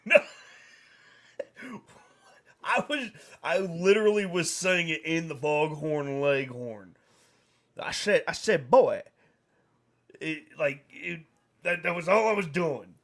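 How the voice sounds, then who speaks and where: A man's voice: mid-range voice, a bit bright. A middle-aged man hosting a stream, telling a story in casual chat, mimicking other voices and laughing often. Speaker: streamer host.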